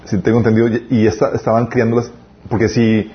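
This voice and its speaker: A man giving a casual sermon as youth pastor, full of restarts and slowed emphatic phrases. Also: mid-range voice, level tone, lo-fi sound. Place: church.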